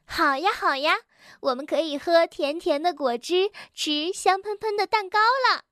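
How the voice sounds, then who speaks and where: A woman voicing a timid, excitable male rabbit in a children's storybook, with a squealing, flustered and whiny manner. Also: very high voice, unhurried, no room sound, studio quality, voice pushed up, exaggerated voice. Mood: cheerful.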